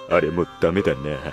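A man voicing a cynical, lazy young anime loudmouth who is easily spooked and talks in rough, slangy delinquent speech. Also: sits low. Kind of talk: anime comedy acting. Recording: background music under the dialogue.

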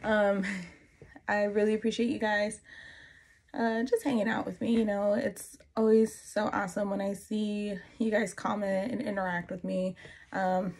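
A woman's voice: medium pitch, flat delivery, unhurried, darkish tone. A woman in her thirties chatting casually and rambling as she gets ready, recorded on a phone in a bedroom. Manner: rambling, talking to herself while busy. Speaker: lifestyle vlogger. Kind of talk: casual get-ready-with-me chat. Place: small bedroom indoors. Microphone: phone propped at about arm's length. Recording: clear background noise and clicks.

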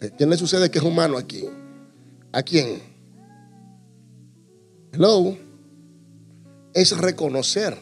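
Animated pastor preaching. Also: male voice, fairly high pitch, slow, long pauses, slightly rough, soft background music. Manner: animated, jokey, acts out little scenes. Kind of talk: humorous sermon to a congregation.

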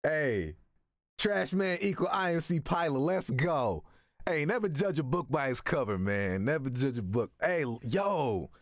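A man's voice: on the high side, big pitch swings, measured pace, no room sound, clean studio sound. A young man reacting live on stream, exuberant and slangy, often repeating himself. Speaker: streamer and voice actor reacting to video. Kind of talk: excited live reaction commentary. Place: small home studio room, indoors.

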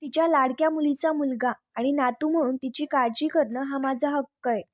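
A woman reading the lines of a persistent, caring young grandson in a calm, firm manner. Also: high voice, moderate pace, no room sound, studio quality, lightly acted.

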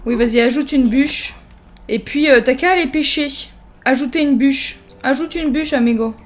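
A young woman giving excitable let's-play commentary on a life-simulation game, teasing her characters and erupting into mock-dramatic panic. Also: high-pitched, normal speed. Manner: animated, exclamatory, mock-dramatic; teasing, self-mocking asides. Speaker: gaming video host.

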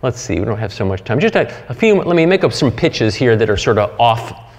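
A middle-aged man giving a conference keynote, halting and full of fillers and restarts. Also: medium pitch, very animated. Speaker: keynote speaker. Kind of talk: conference talk. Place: lecture hall. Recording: hall reverb.

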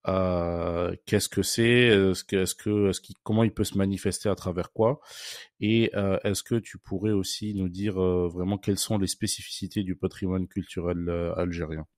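A man's voice: deep voice, fairly even intonation, normal speed, no room sound, clean studio sound. A man hosting a podcast, introducing his guest with frequent hesitations and fillers. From Algeria. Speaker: podcast host. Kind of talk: casual podcast interview.

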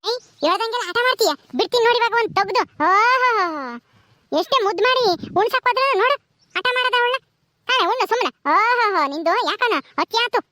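A woman's voice: very high-pitched, fast. A woman playing a poor village mother, scolding her hungry daughter in a village skit. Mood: exasperated. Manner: scolding, loud and exasperated. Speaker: actor in a village drama.

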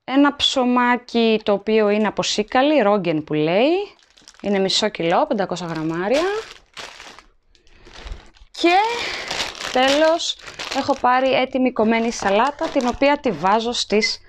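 A woman's voice: on the high side, animated, pauses often, background noise. Chatty woman showing off groceries. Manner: chatty, lists items and weights as she goes. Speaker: vlogger. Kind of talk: casual haul vlog narration. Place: indoors at home, at a table. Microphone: handheld phone camera, filming items up close.

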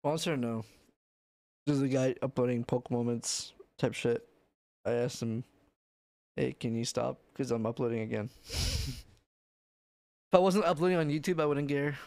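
A man's voice: mid-range voice, moderate pace, pauses often, darkish tone, no echo. A man streaming and chatting with viewers in a loose, mumbling way, heard through a livestream headset mic. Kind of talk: casual chat with viewers.

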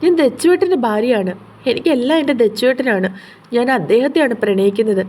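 A woman's voice: fairly high pitch, expressive, a little fast, a little mellow. A woman reading the lines of a frightened young wife who begs through tears. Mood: tearful. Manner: fearful, tearful pleading.

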